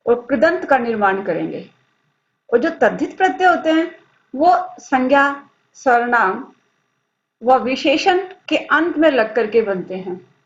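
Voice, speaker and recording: In a fairly high voice, a woman teaches grammar very slowly and deliberately, asking her pupils questions and then answering them herself. The screen-recorded lesson has dull, lo-fi audio.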